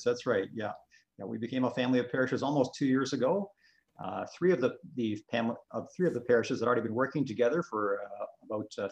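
Low gravelly-voiced priest, halting. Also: male voice, darkish tone, poor audio. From Scotland, raised in Canada. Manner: hesitant, many uh fillers. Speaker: parish priest guest. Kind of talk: casual interview.

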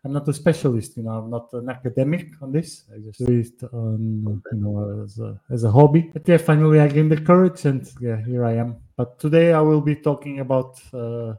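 A man from Portugal, a podcast guest, talking casually and hesitantly with many pauses and fillers. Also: medium pitch, warm tone. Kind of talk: casual conversational explanation. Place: home setup on a call, northern Poland.

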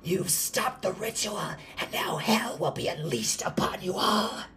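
A cornered witch hisses her curses in a hoarse whisper pitched far above a normal voice, as a man puts her on. The sound is airy and strained, like a screech with no voice behind it. It comes across as a horror storybook reading. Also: big pitch swings, measured pace, bright, forceful tone, heavily acted. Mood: furious, desperate.

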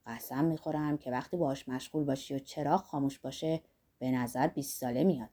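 A woman voicing a rough, lusty old man who talks bluntly and boastfully about life and age. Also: a bass voice, warm tone, pitched below the performer's own voice. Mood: earthy musing.

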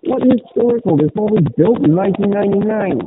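A man's voice: high voice, fast. A man co-hosting a podcast in casual chat, his voice muffled as if talking through a sweater, rambling and swearing casually with many restarts. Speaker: podcast co-host. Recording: muffled phone-like line with background noise.

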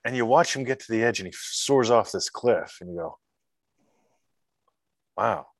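A man chatting on a podcast as a guest mentor, telling stories with lively acted-out scenes and sound effects. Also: medium pitch, a little fast, no echo, studio quality. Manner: animated storyteller, acts out scenes with sound effects. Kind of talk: casual podcast chat.

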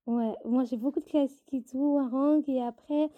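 A woman's voice: high-pitched, steady tone, normal speed. A woman guest in a casual chat, chatty and hesitant with fillers, heard over a tinny remote line. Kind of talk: casual chat about TV dramas.

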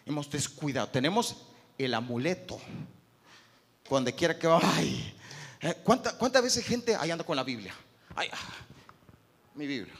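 Male pastor, high lively voice, big echoing church hall. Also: moderate pace, gravelly, pauses often. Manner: animated preaching, swings from soft to loud, acts out churchgoers. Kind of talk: sermon. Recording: long hall reverb.

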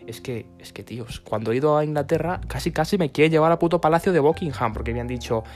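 A man's voice: a little high, fast talker, soft background music. A man giving a sarcastic comic rant to camera, swearing constantly and rambling off on tangents. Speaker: vlogger.

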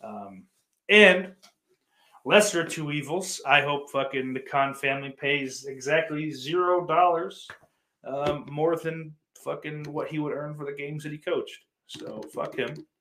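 Reading his viewers' messages aloud in a casual stream, this man rambles, curses openly, and runs himself down. His voice is a little high with a sharp tone at a measured pace, with roomy echo in the recording.

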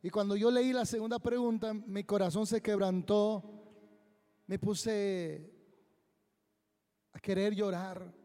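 Slow high-voiced man preaching in a hall. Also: warm tone. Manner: slow, emphatic preaching with drawn-out phrases. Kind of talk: sermon. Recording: long reverb of a large hall.

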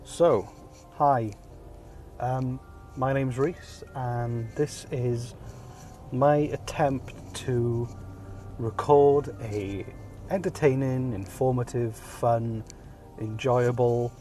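A man's voice: mid-range voice, steady tone, drawn-out words, pauses often, a little mellow, faint music behind. A Welsh man in his thirties hosts a casual, jokey podcast with many ums, recorded on a hands-free kit while he drives his car. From Wales. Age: 30s. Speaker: podcast host. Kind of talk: casual self-deprecating monologue. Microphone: phone hands-free kit.

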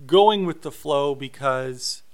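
A man co-hosting a podcast, talking through a TV episode in a measured, explanatory way. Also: medium pitch, smooth. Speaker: podcast co-host. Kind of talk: casual recap chat.

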